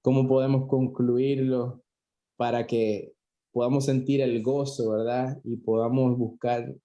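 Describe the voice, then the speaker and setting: A man's voice: medium pitch, little pitch movement, a little slow, dark tone, muffled recording. A man pastor closing a Bible study review, speaking earnestly and listing points in a row.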